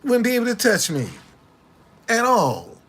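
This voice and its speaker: A very high-voiced man in his late sixties speaks a little slowly, casually addressing the camera with slangy street swagger. He answers back with animated indignation, repeating himself along the way.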